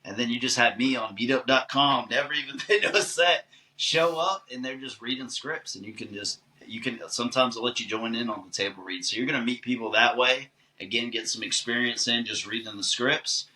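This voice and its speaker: A man who is an actor, answering podcast questions in a relaxed, chatty and long-winded way. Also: mid-range voice, fairly quick, hardly any pauses, rough recording. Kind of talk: casual podcast conversation.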